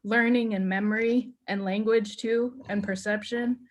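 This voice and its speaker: A woman's voice: a little high, steady tone, unhurried. A woman sharing thoughts in a casual group discussion, chatty and leaning on "like" as she talks. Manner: chatty, leans on "like". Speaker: class participant with a cognitive science degree.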